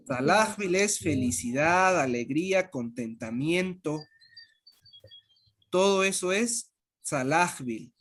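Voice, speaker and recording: Slow, patient language teacher. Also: medium pitch, lively intonation, a bit bright. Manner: patient, repeats and spells out sounds slowly. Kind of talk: online language lesson.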